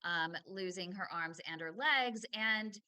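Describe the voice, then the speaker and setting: A woman hosting an interview, explaining the background in a measured way. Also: medium pitch, bright, forceful tone, clean tone, no echo. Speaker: host. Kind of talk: interview talk show.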